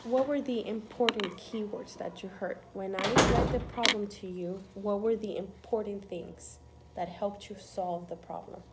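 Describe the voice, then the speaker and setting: A young adult woman teacher gently prompting a student through a math problem, patient and encouraging. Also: medium pitch, fairly even intonation, unhurried, very noisy. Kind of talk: one-on-one math interview.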